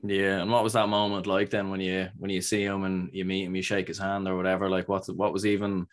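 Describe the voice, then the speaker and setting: A man hosts a relaxed podcast chat with a low, fairly flat voice. He fires off long questions quickly, circling back with "like" and repeated words. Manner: rambling questions full of "like" and restarts. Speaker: podcast host. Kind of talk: casual interview chat.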